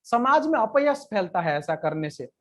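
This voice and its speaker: A woman retelling a scripture story in a devotional lecture, in a plain conversational way, with slow recited verses now and then. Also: mid-range voice, sing-song.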